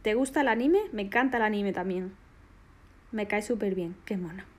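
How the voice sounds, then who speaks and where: A woman's voice: mid-range voice, moderate pace. Giggly woman on a live stream. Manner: bubbly, giggly, affectionate. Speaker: singer doing a live stream. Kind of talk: casual live-stream Q&A, reading fan comments.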